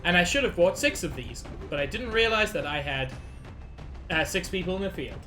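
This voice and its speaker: This woman, feeling slightly sick, talks to her viewers with anxious chattiness as she plays and comments casually on a game. The voice sits lowish, animated and somewhat bright, delivered at a normal speed over faint game music.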